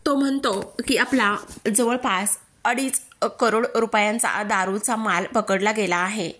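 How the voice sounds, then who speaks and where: A woman retelling a TV serial episode in steady, present-tense storytelling narration. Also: mid-range voice, measured pace.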